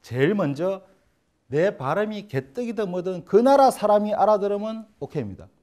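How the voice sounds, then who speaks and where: A man's voice: sits high, a little mellow. A man teaching a lecture on learning Chinese, blunt and joking, acting out examples in funny voices. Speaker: Chinese language instructor. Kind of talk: lively classroom lecture.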